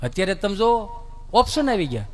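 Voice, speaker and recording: A man's voice: high-pitched, a little fast, soft background music. A man, telling a folk comedy monologue on stage and mimicking family members as he goes. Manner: animated storytelling, mimics family voices. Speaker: stand-up comedian.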